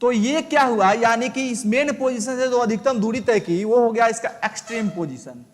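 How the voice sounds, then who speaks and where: High-voiced man teaching in a reverberant hall. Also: lively intonation, normal speed. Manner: explains step by step with repeated check questions. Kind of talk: live online lesson.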